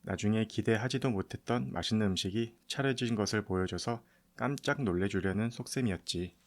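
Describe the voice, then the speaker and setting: A man with a fairly low voice narrates a children's storybook for bedtime. He reads from a script as an audiobook narrator, addressing the listener as one would a small child. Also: fairly quick. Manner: storytelling as if to a child, in familiar speech.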